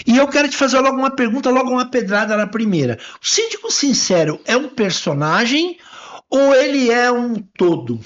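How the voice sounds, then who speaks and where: A man's voice: very high voice, lively intonation, fairly quick, a bit bright, dull audio. A man hosting a podcast interview in a studio, chatty and friendly as he asks questions. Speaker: podcast host. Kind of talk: casual interview chat.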